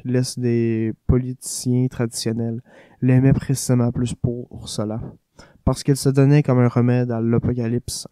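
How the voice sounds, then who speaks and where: Mellow male audiobook reader. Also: mid-range voice, no echo. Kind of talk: audiobook narration.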